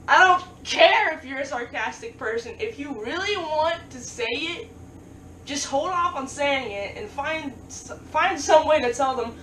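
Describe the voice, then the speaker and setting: A woman talks fast in a casual advice vlog, stuttering and restarting as she jokes along. Her voice sits a little high. She sounds a bit away from the mic in an echoey room with faint noise behind her. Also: expressive, fairly bright tone, recorded from a distance. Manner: jokey, often laughing at her own lines. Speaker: vlogger giving advice.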